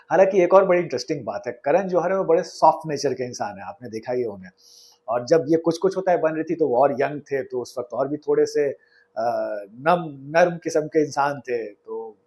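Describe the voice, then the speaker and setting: A man's voice: medium pitch, a little mellow. A man telling behind-the-scenes film stories in a chatty, conversational way, retelling anecdotes with quoted dialogue and occasional hesitations. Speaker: storyteller host. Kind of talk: conversational storytelling.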